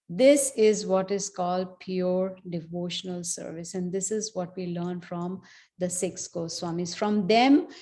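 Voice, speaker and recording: A woman's voice: mid-range voice, a little mellow. A woman giving a scripture class, telling the story in a conversational way with many asides. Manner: conversational storytelling, frequent "you know". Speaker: class speaker.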